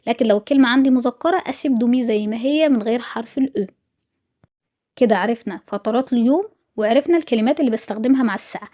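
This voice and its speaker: A woman teacher with an Egyptian Arabic accent explaining a French lesson, often asking her own questions and then repeating key words slowly to answer them. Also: on the high side, mellow, lo-fi sound.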